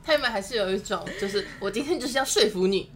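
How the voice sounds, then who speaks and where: A woman's voice: mid-range voice, expressive, fast talker, a bit bright. Playful young woman podcast co-host. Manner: jumbled, playful retelling. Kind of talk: casual storytelling chat.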